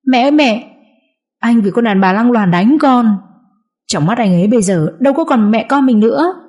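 A woman voicing a scheming young sister-in-law who accuses in a shrill, mock-tearful way, in an audiobook drama reading. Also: lively intonation, a little fast, darkish tone, natural voice. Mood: whining.

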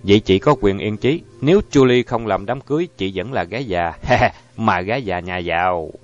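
A man reading an audiobook voices a cool, persuasive young crime boss who speaks calmly. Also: fairly low pitch, normal speed, lightly acted. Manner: calm, smooth talker. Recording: dull lo-fi audio, faint music.

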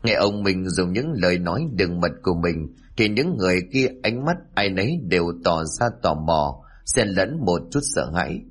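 Low, husky male narrator for a somber ghost story. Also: lively intonation, normal speed, few pauses. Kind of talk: scripted horror narration.

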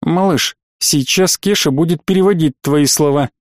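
A man's voice: fairly high pitch, expressive, brisk, no room sound, clean studio sound, lightly acted. A man as a stern colonel father. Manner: firm, curt. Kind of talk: audiobook reading.

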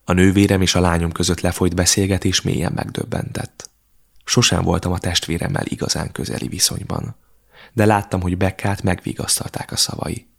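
A man reading an audiobook in a steady, measured narration. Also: low voice, creaky. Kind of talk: scripted narration.

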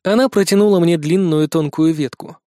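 High-voiced male audiobook narrator. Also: no room sound, clean studio sound. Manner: steady, measured storytelling. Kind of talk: first-person audiobook narration.

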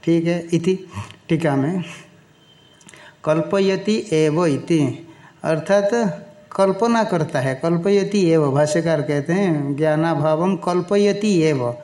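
A man teaching a Sanskrit scripture in a slow, deliberate lecture, chanting verses and pausing to explain their pronunciation and meaning. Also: fairly high pitch, darkish tone. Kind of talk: Sanskrit text lecture in Hindi.

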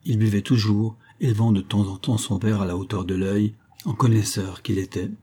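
Male audiobook narrator, low-pitched, husky, steady. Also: moderate pace. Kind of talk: scripted narration.

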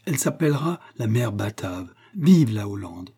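A determined polar explorer captain, read by a man, proud and emphatic in his delivery. His voice sits low and dark with a husky grain. This is an audiobook reading of an adventure novel. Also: very animated, normal speed, heavily acted. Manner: emphatic, exultant cries.

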